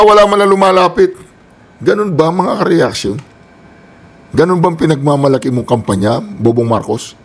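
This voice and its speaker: Mocking, animated male political commentator. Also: fairly high pitch. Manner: mocking, repetitive, animated, addresses viewers directly. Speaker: political reaction channel host.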